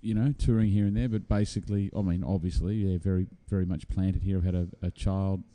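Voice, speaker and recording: A man's voice: sits low, steady tone, a little fast, dark tone. A man with a Tasmanian Australian accent chatting casually as an interview guest. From Hobart, Tasmania, Australia. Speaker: interview guest, singer-songwriter. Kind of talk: casual chat.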